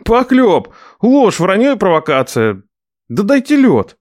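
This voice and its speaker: A man's voice: high-pitched, wildly swooping pitch, unhurried, a little mellow, no echo, studio quality, voice pushed up, exaggerated voice. A man voicing a cheeky young man who whines, protests and cracks jokes. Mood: protesting. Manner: whiny, protesting, wisecracking.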